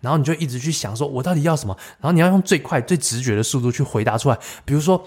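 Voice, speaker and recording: A young adult man hosting a solo podcast, telling a personal story in a reflective way, often pausing and restarting his sentences. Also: mid-range voice, lively intonation, darkish tone, husky. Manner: reflective, halting with many fillers and restarts. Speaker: podcast host.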